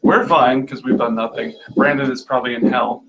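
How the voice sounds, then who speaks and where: A man's voice: mid-range voice, brisk, fairly bright tone, dull audio, soft background music. A man from a band casually chatting on a studio livestream, cracking dry, self-mocking jokes. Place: recording studio with drums being tracked.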